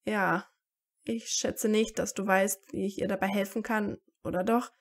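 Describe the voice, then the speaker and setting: A woman's voice: medium pitch, steady tone, measured pace. A woman reading aloud and voicing a tired teenage boy wizard who talks dryly and sarcastically. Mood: wry, tired. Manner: dry and sarcastic.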